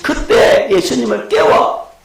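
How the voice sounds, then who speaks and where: A man's voice: takes it slowly, roomy sound, rough recording. A middle-aged male pastor, preaching a lecture-style sermon and asking his congregation questions. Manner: rhetorical questions to the congregation, shouting acted quotes.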